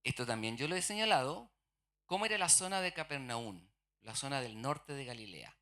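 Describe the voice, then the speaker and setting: A church sermon is delivered in a bright, forceful, mid-pitched voice with lively intonation at a normal speed. The preacher repeatedly asks the congregation questions and then answers them.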